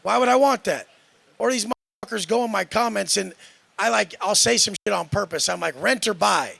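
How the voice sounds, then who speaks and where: A man with a high, very gravelly voice and a bright, tense edge talks in a brash, cocky rant. He curses constantly and dismisses everyone around him. The sound is dry and close. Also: a little fast, no echo. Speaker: fitness influencer in a clip.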